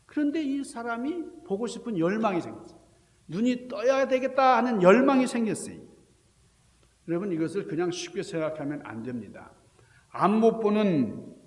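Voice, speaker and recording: Animated male pastor in echoing sanctuary. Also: high-pitched. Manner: animated storytelling preacher. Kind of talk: Sunday sermon. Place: church sanctuary. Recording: echoey church hall reverb.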